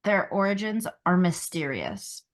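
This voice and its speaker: A woman's voice: lowish voice, very animated, a little slow. Laid-back woman podcast co-host. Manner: casual, reads search results aloud, trails off. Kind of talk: casual chat.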